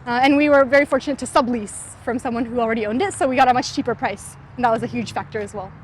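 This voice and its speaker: A Californian woman in her twenties talks casually about her startup during an interview while walking outdoors on a city street. Her voice is a little high and rapid-fire, with a slight hiss or hum in the clip. She sounds thoughtful but fills her speech with lots of "like" and "um."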